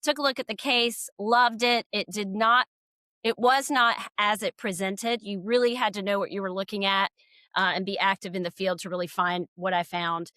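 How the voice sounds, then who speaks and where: A middle-aged woman from Georgia with a Southern accent, a nurse giving a relaxed interview with fillers and trailing sentence ends. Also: mid-range voice, moderate pace, no echo. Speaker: guest, nurse and legal nurse consultant. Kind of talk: casual interview conversation.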